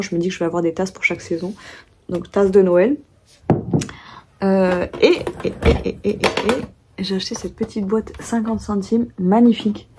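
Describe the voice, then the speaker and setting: A woman's voice: medium pitch, a little mellow, slight background noise. A young French woman chatting casually in a haul vlog, telling stories with many fillers and restarts. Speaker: vlogger.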